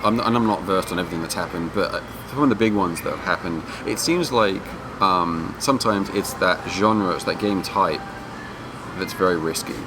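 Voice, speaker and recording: Speaking at a normal pace in a low voice, a man gives rambling, casual answers in an interview about his work as an independent game developer. A noisy background hum is clearly audible throughout.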